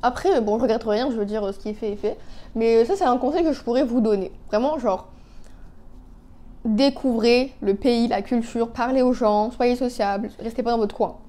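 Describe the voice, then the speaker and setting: Recorded on a phone, this young Canadian beauty vlogger in her twenties chats loosely as she does her makeup, scattering fillers and asides. Her slightly high voice sounds soft and mellow, and she speaks at a normal speed.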